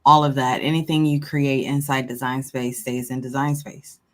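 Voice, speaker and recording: A woman's voice: rumbling low, little pitch movement, normal speed. A woman chatting casually and explaining things in an emphatic, instructive way as a panelist. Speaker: crafting livestream panelist.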